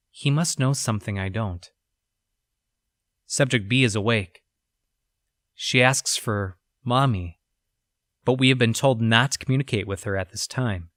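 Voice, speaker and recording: A 1960s male scientist, unsettled by grim experiments, reads from his journal in an audio drama performed in a natural, middle-pitched voice that is bright and forward. His report is measured and clinical yet uneasy and puzzled, and the recording has no room sound at all.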